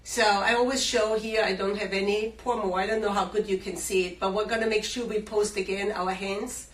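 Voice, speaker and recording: A woman's voice: mid-range voice, steady tone, fairly quick. A woman hosting a live shopping-show interview, talking with lots of fillers and enthusiastic sales talk. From Austria. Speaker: skincare brand host. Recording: roomy, distant mic, faint hum.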